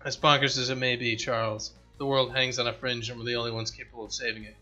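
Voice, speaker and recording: A man voicing a wise, formal cyborg dwarf companion who explains lore in a measured way. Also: mid-range voice, level tone, pushed and bright, dull audio, soft background music. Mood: calm. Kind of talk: reading game dialogue aloud.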